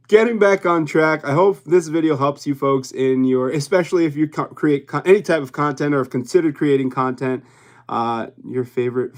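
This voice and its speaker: A young man from Hawaii with a gravelly, medium-pitched voice hosts a casual YouTube livestream. He rambles as he chats with viewers and laughs a lot.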